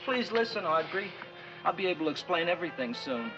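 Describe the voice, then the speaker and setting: A man's voice: a little high, very animated, a little fast. An actor playing a meek, flustered, eager young man with an American accent in a 1960s comedy film. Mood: flustered, apologetic. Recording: dull old film soundtrack, faint music.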